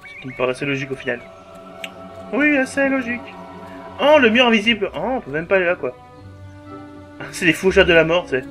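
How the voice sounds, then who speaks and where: A man's voice: high voice, sing-song, fairly quick, pauses often, a bit bright, faint music behind. A man giving casual let's-play commentary over a game, jokey and crude, swearing often and humming along.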